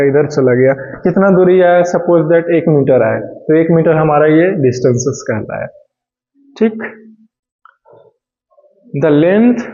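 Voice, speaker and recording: A man's voice: a little high, warm tone. A man teaching a school science lecture in a chatty way, mixing Hindi and English and asking and answering his own questions. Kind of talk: classroom lecture. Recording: echoey room, dull lo-fi sound.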